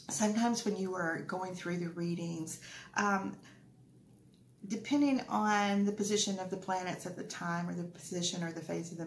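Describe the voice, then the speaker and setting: Chatty woman with a gravelly voice. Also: on the low side, reverberant, a little hiss or hum. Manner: chatty, rambling, many fillers and asides. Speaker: tarot reader. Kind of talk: casual tarot reading to camera.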